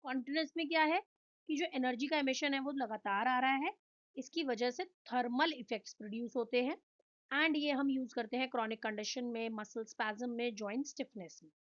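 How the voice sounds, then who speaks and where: A woman with an Indian accent, her voice high and fairly bright, delivers a physiotherapy lecture at normal speed in a blend of Hindi and English. As the instructor, she poses questions and answers them in listed points. The audio sounds dull.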